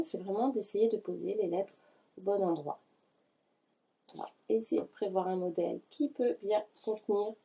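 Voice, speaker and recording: A woman calmly explaining a hands-on learning activity to parents, speaking directly to them in a patient tutorial style. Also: mid-range voice, husky. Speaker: early-learning educator.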